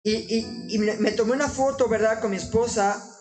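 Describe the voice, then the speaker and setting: A man preaching informally in an earnest, exhorting way, often halting and restarting his sentences. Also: high voice, steady tone, darkish tone, soft background music, rough recording.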